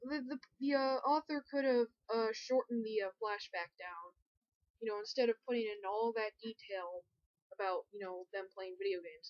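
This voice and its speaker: A woman's voice: on the high side, dry recording. Casual woman reading aloud, dull lo-fi sound. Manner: digressive, filler-heavy, swears casually. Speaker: fanfiction reader and commentator.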